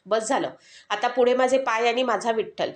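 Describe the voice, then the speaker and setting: A woman voicing a devout, gentle old male pilgrim who speaks in quiet prayers. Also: a little high, moderate pace, roomy sound, natural voice. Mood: resolute. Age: older.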